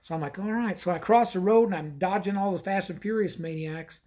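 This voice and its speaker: High-voiced man telling a rambling story. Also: fairly quick, dark tone. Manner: rambling, repeats himself. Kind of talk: casual first-person anecdote.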